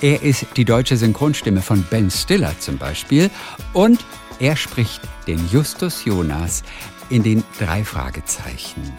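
A man hosting a radio interview, asking brisk, chatty questions. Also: lowish voice, darkish tone. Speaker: radio host.

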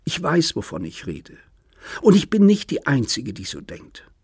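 Guy doing a bitter sick young woman, sharp and sarcastic, jumpy high voice, husky undertone. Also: very animated, measured pace, no echo, studio quality, heavily acted. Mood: bitter accusing. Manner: shrill, biting and sarcastic. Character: bitter, accusing young woman in a hospital bed. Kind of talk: audiobook character voice.

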